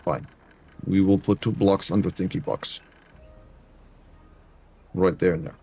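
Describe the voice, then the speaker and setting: In a low, creaky, husky voice with a warm tone, a man comments on a building game at a measured pace and fairly even intonation. Addressing his chat, he adopts a fake Eastern European dictator persona, speaking article-free broken English.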